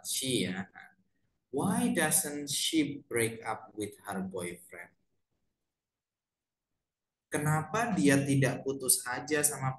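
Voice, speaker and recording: A man's voice: mid-range voice, echoey room, poor audio. A man teaching an online English lesson over a video call. He explains each pattern in English, translates it, and asks his students for questions. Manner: asks learners for questions in a friendly way.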